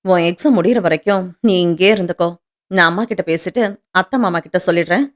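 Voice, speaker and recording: Devoted young husband, voiced by a woman reader, soft, slightly lowered, earnest. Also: fast talker, close to an everyday voice. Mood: tender earnest.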